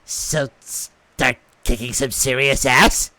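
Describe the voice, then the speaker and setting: A man voicing a laid-back, tough male brawler with a slow, drawling delivery in an amateur fan reading. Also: medium pitch, fairly even intonation, sharp tone, dry recording. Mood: gruff.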